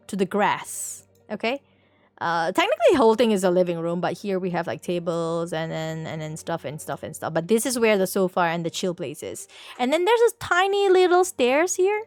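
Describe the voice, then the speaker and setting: A female livestream host explains things to viewers casually, rambling playfully, repeating words and correcting herself along the way. Her voice is medium-pitched, with no room sound.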